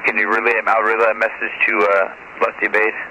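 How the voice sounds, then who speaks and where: A man's voice: lowish voice, monotone, fairly quick, bright, forceful tone, slight background noise. A man working as a clerk, plain-spoken and deferential, talking on a phone call patched through radio. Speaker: military work center phone clerk. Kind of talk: informal phone call relayed over radio.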